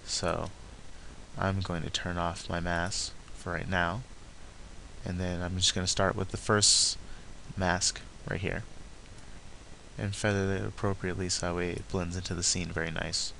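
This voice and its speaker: A man narrating a software tutorial step by step, haltingly talking through each action as he does it. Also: deep voice, little pitch movement, gravelly, slight background noise, low-quality recording. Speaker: tutorial presenter.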